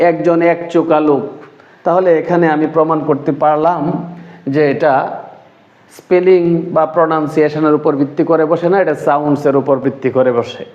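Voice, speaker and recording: A man, an English tutor explaining grammar rules, who repeats key words slowly and asks and answers his own questions. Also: a little high. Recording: echoey, dull lo-fi room recording.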